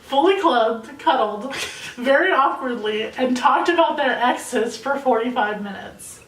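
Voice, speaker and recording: A woman's voice: sits high, a little slow. Young woman telling a story, roomy sound. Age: young adult. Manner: animated storytelling, laughing often. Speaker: podcast co-host. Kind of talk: casual podcast chat. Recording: roomy, distant mic, faint noise.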